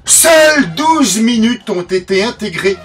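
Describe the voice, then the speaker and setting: A French channel host and collector narrates film history casually and jokingly, often tripping over names and poking fun at himself. His voice is high and fairly bright with lively intonation, at a measured pace over soft background music.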